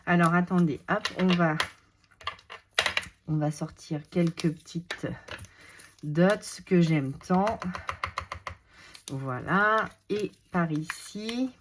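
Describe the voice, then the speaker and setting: A woman with a lingering cold talks her way through a scrapbooking demonstration, her voice sitting fairly low. She speaks slowly and unhurriedly, dropping chatty, self-mocking asides as she works. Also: background noise. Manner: chatty, self-deprecating, muttering asides to herself. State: has a cold. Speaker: scrapbooking crafter demonstrating a page. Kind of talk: casual craft tutorial, talking while working.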